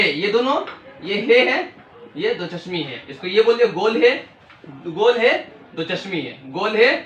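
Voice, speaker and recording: High, bright-voiced man drilling an alphabet lesson. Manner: call-and-response drilling, asks and answers his own questions. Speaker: language teacher. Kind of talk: classroom-style alphabet lesson. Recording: echoey room, distant mic.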